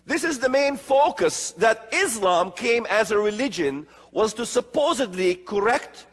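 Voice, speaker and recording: Middle-aged guy from the middle east preaching on stage, kinda high voice, big hall echo. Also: expressive, fairly bright tone. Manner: slow emphatic delivery with gestures. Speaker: conference speaker. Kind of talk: prophecy conference lecture. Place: large hall with seated audience. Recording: long hall reverb.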